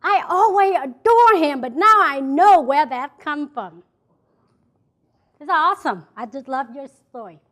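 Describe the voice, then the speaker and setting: With a somewhat bright, high voice and lively intonation, a woman from South Vietnam speaks a little slowly in a Vietnamese accent. She is a motivational speaker giving an emphatic talk to a live event-hall audience, repeating her key phrases.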